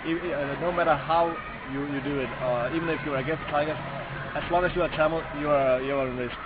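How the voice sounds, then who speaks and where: A young man from Sri Lanka, interviewed outdoors at a demonstration, speaking hesitantly with many fillers and restarts. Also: medium pitch. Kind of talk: street interview. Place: outdoors on a city street. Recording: tinny lo-fi recording with loud street noise.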